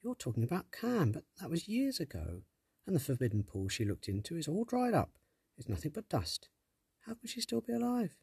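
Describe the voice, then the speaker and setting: A man's voice: a little high, wildly swooping pitch, brisk, gravelly, darkish tone, breathy edge, no echo, voice pushed up, heavily acted. A man doing a curious earnest young girl. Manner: earnest, questioning. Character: curious young girl who wants to be a doctor.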